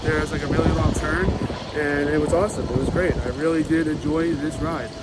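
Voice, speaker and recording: A man with a slightly high voice talks in a conversational, matter-of-fact way, like a vlogger giving a casual review to camera. He is recorded outdoors at an amusement park, with clear background noise around him. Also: fairly even intonation, a little fast.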